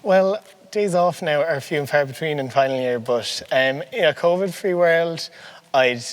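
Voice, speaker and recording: A man's voice: a little high, normal speed. A man in his early twenties with an Irish midlands accent, chatting casually and talkatively as a student podcast co-host. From Portlaoise, Irish midlands. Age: early 20s. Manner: talkative, informal. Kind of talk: casual chat.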